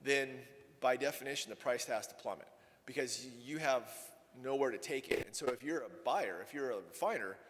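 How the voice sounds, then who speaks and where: In a conference hall full of lingering reverb, a man presents on energy policy and takes questions afterward. His voice is medium-pitched and a bit bright, his pace moderate, and his style wry and conversational, with frequent mid-sentence self-corrections.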